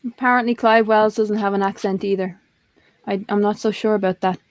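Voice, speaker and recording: A middle-aged woman co-hosts a livestream talk show, chatting casually in a medium-pitched voice with fairly even intonation and a slightly fast pace, with no echo. She rambles, pokes fun at herself, and laughs often.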